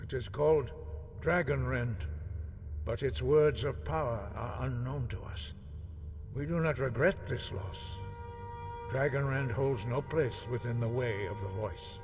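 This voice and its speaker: Guy doing a grave old monk, slow formal talk, echoey w/ game music behind. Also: medium pitch, lightly acted. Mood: solemn. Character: solemn elder monk of a mountain order. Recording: long reverb over game music.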